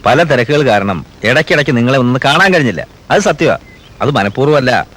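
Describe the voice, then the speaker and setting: An actor playing a principled middle-aged chief minister in a film drama, speaking in a measured, earnest, reassuring way. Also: male voice, medium pitch, animated, a bit bright, rough recording. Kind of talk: 1990s film drama dialogue.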